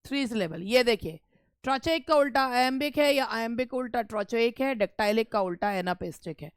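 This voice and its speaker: A woman's voice: on the high side, expressive, normal speed, clean tone, dry recording, studio quality. A woman teacher giving an online exam-prep lesson, explaining step by step and stretching words to show their stress.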